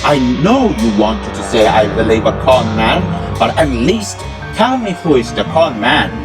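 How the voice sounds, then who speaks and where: Over instrumental background music, a man performs a scripted amateur audio drama in formal, stilted English marked by non-native phrasing. His medium-pitched voice is very animated, though his pace stays measured.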